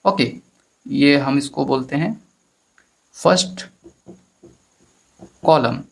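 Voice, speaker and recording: Gravelly-voiced man teaching maths. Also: mid-range voice, extremely slow. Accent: Hindi-speaking Indian. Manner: explains step by step, calls students friends, repeats phrases. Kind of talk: chalkboard maths lesson.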